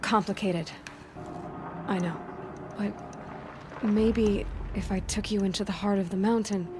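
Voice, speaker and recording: A woman's voice: mid-range voice, steady tone, measured pace, close to an everyday voice. A woman as Aloy, guarded young huntress, music behind. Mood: gentle, reserved. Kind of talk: game cinematic acting.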